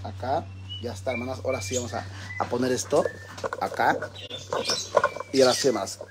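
A man with a Mexican accent runs a casual livestream from his phone while he does chores at home. He is loud and chatty, swears freely and keeps calling his fans sisters. The recording is a noisy phone stream with steady hiss underneath, and his voice sits at a middle pitch. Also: fairly quick. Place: home, indoors, doing chores.

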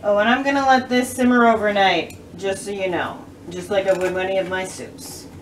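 A woman's voice: medium pitch, normal speed, a little hiss or hum. Middle-aged lady cooking at home, chatty and easygoing, mic sits back from her, pans clanking around. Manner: chatty, walks through each step aloud. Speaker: cooking show host. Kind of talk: casual cooking demonstration. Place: home kitchen, indoors. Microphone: camera a few feet away. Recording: distant camera mic with kitchen clatter.

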